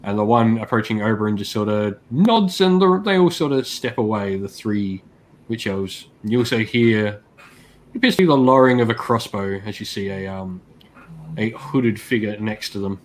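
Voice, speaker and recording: A man's voice: lowish voice, animated, normal speed. A man narrating a tabletop game as game master, describing scenes in a hesitant way with many fillers.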